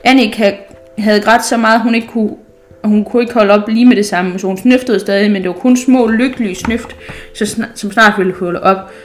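A woman reading a children's book aloud, gentle and unhurried, with small slips and restarts. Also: mid-range voice, fairly even intonation, soft background music. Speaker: storyteller.

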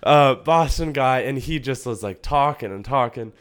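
A man's voice: mid-range voice, normal speed, clear, resonant tone. A young man co-hosting a podcast, telling a story in casual chat with lots of fillers and quoted asides. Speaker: podcast co-host.

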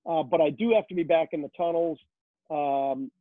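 A man's voice: on the high side, steady tone, moderate pace, dry recording. A man who works as a rinkside hockey reporter answers interview questions in a chatty, storytelling way, full of "uh" fillers. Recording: tinny phone line.

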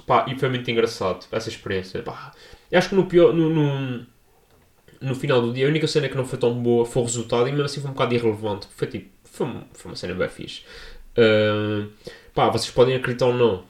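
A young man with a European Portuguese accent telling a story in a casual, slangy vlog, full of asides and fillers. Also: fast. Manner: animated, slangy, jumps into high-pitched voices for quoted people. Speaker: vlogger. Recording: echoey room.

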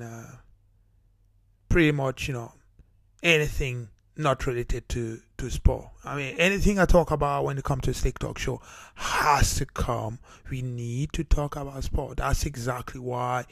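Speaking in a solo podcast monologue from the United Kingdom, a man from Cameroon hosts his own talk show earnestly, full of fillers and restarts. He has a medium-pitched voice with vocal fry, recorded without echo.

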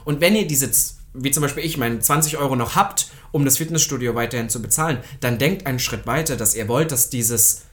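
Young guy podcasting, talks super fast, crude jokey rants. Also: medium pitch, fairly bright tone. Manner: rapid, ranting, crude jokes. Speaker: podcast co-host. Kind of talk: casual chat.

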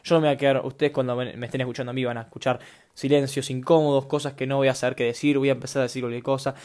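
A man's voice: mid-range voice, flat delivery, racing, darkish tone. Young Rioplatense man, solo podcast host, loose slangy rambling. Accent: Rioplatense Spanish. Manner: scattered, self-mocking, slangy.

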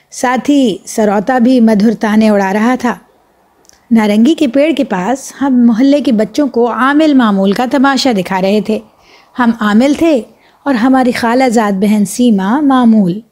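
A woman storyteller reading a children's story aloud in a lively, expressive way. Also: fairly high pitch.

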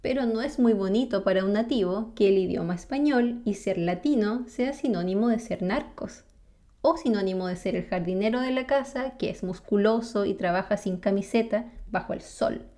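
A Chilean vlogger, a woman whose first language is Spanish, talks to the camera in a mid-range, warm voice at a moderate pace, with a Chilean Spanish accent. She explains ideas in a friendly way, often asking the listener questions and laughing between points.

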